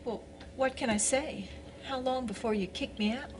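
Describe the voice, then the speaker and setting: A woman's voice: sits high, normal speed, a little hiss or hum, close to an everyday voice. An actress playing a restless, defiant young woman in a soap opera. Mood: defensive, defiant. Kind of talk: television soap opera acting.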